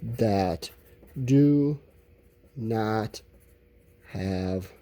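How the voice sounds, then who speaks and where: An elementary school teacher talks children through a lesson informally, thinking aloud as he writes answers and giving simple, encouraging explanations. His voice is lowish and dark in tone, and he speaks extremely slowly.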